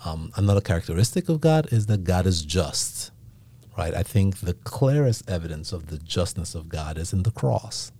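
A man with a Nigerian accent talks through a casual faith discussion in a reflective, teaching way. His voice sits very low and sounds mellow and dark. He checks in with "right?" as he goes. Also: lively intonation, normal speed, slightly rough.

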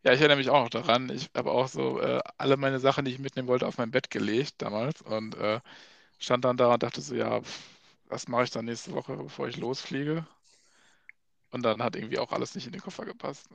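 A young man hosts a casual podcast with a gravelly, fry-tinged voice. He asks loose questions with many fillers. His voice sits dry and close, with no room around it. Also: medium pitch, a little fast, no echo, highs cut off. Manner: relaxed, filler-heavy questions. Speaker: podcast host.

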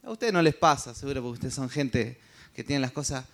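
A man's voice: medium pitch, animated, fast. A man with a Rioplatense Spanish accent preaching a sermon, checking in with the listeners through constant tag questions.

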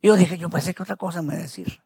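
A man's voice: fairly high pitch, very fast, gravelly, warm tone, husky, dry recording, studio quality. A man preaching as a pastor, telling his story in a conversational way and often calling his listeners brother. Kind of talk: testimony sermon.

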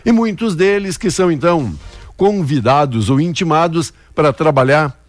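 A man's voice: fairly high pitch, moderate pace, faint music behind. A man presenting radio news, moving between headline reading and casual banter.

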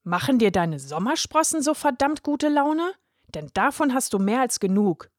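A woman voicing a gruff, grumpy little boy in a read-aloud children's story. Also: on the high side, big pitch swings, normal speed, no echo, clean studio sound, pitched above the performer's own voice. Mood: grumbling. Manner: gruff, grumbling, huffy. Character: grumpy serious little boy, sulky and stern. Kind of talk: storybook reading.

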